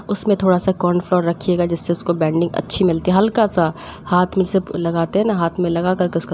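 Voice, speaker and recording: A woman's voice: on the low side, dark tone, slight background noise. Chatty young woman with a lilt. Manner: chatty, laughs while telling family stories; acts out her mother's scolding in quick quoted bits. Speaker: cooking vlogger. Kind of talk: casual storytelling while cooking.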